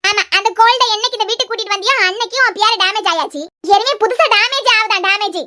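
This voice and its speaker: A sharp-tongued old grandmother, voiced by a woman, in a cartoon. She talks in a very high, quick voice, scolding her son and boasting about her grandson. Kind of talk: cartoon voice acting.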